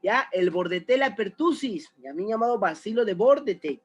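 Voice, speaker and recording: A man's voice: sits high, expressive, moderate pace, breathy edge. A man teaching a recorded biology lesson, chatty and often checking in with the student. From Peru.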